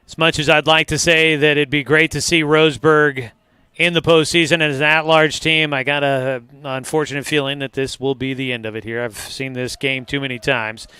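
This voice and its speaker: A man announcing high school football on the radio, recapping the game from the press box with frequent fillers. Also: fairly even intonation, moderate pace, pushed and bright, clean tone, dry recording. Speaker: play-by-play announcer. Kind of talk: radio sports commentary.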